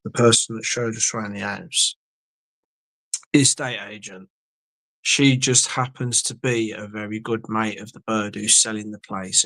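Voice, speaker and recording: This livestreamer speaks in a lowish, gravelly voice that sounds pushed and bright, recorded without echo. He rambles through casual chat with his viewers from a home studio, cursing and occasionally fumbling for words.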